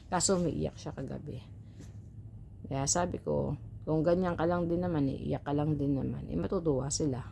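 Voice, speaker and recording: A woman from the Philippines vlogging casually about her work as a household helper. Her voice sits low, and she talks in a chatty, advice-giving way with frequent rhetorical tags. A faint hum of room sound lies behind her. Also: fairly even intonation, moderate pace, vocal fry, dark tone. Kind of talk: casual storytelling to viewers.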